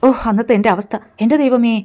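A woman's voice: fairly high pitch, fairly even intonation, quick pace, dark tone, natural voice. An actress playing a stubborn, devout older grandmother who talks in a melodramatic, guilt-tripping way. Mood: pious. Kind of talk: short film acting.

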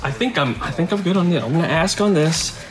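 Excited man vlogging in a hot warehouse. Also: on the high side, fast talker. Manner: excited and enthusiastic. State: sweating in the heat. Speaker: video game collector and YouTube host. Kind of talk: casual vlog chat.

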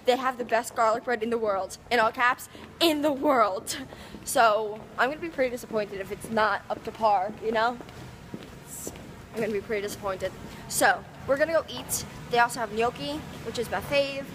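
Talking fairly quickly in a highish voice, a young woman in her late teens vlogs to a handheld camera, bubbly and casual, full of giggles and "like." Scenes move between the cold outdoors and a car, and the background is noisy.

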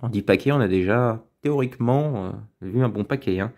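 A man chatting casually as he opens card packs, reading out names slowly and muttering asides. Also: medium pitch, darkish tone. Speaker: card-opening video host. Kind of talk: casual pack-opening commentary.

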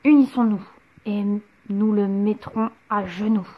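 A woman's voice: medium pitch, a little slow, warm tone, natural voice. A woman voicing a sneaky, mean witch in a children's story, sly and snickering. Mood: scheming.

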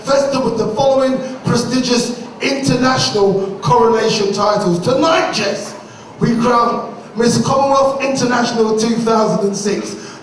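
A man hosting a pageant on stage, announcing in a grand, ceremonious manner. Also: extremely high pitch. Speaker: pageant host. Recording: echoey hall from far off.

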